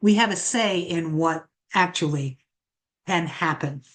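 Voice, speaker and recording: A woman astrologer talking on an online forum, halting, with many fillers and restarts. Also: on the low side.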